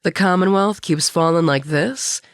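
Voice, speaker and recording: A woman's voice: fairly low pitch, unhurried, dry recording, studio quality, natural voice. An actress playing a tough, sardonic wasteland woman in a video game, talking bluntly and conversationally. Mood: resigned, frank. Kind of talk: video game character dialogue.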